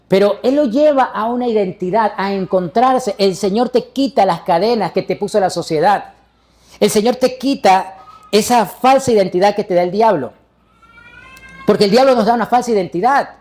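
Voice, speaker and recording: Mellow-voiced male pastor preaching emphatically. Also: high voice, expressive, moderate pace. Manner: emphatic preaching with rhetorical questions to the congregation. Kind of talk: sermon.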